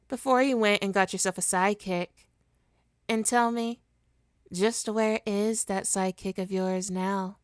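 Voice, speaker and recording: Lightly acting in a clean-toned, mid-range voice, a woman plays a smug, seductive supervillain in ASMR roleplay. She teases and coaxes her hero nemesis with deliberate, hypnotic talk. The studio-quality recording carries no room sound.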